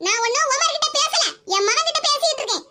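A woman acts out a fiery old cartoon mother who scolds and accuses with sarcasm, in a Tirunelveli Tamil accent. Her voice is very high and fast, with a noisy hiss behind it. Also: animated. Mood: angry scolding.

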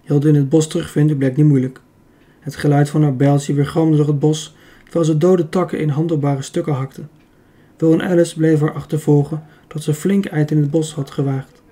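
A man narrating a children's adventure audiobook in a steady, even reading. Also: fairly high pitch, moderate pace. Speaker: audiobook reader. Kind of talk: storybook narration.

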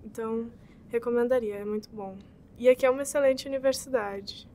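A young woman from southern Brazil talks chattily about campus life, tagging phrases with a questioning "sabe?". Her voice is fairly high yet keeps an even, flat line. A faint room noise sits behind her. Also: a little fast. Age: young adult. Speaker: exchange student. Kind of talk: interview testimonial. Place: indoor campus building.

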